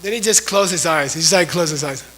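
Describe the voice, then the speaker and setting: Guy teaching a class, telling a story all casual, bright voice a bit high. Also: quick pace, poor audio. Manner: loose, conversational, frequent "you know". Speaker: Buddhist teacher.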